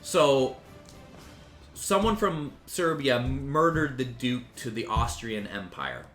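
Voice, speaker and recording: A man's voice: medium pitch, big pitch swings, slow, a bit bright. Guy rambling and cussing over a strategy game, roomy echo, bit of music underneath. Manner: profane, rambling, restarts sentences. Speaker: gaming commentator. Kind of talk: casual rambling commentary. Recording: roomy sound with faint music.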